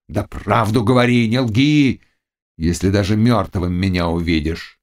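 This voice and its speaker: A man's voice: lowish voice, unhurried, lightly acted. Man voicing a brooding Cossack. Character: brooding young Cossack warrior, passionate and uneasy. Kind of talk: audiobook character reading.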